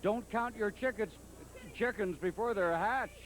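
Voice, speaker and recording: A fairly high-voiced man interviews wrestlers in a measured, plain-spoken way. This is the sound of a 1989 TV broadcast. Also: poor audio. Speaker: interviewer and commentator.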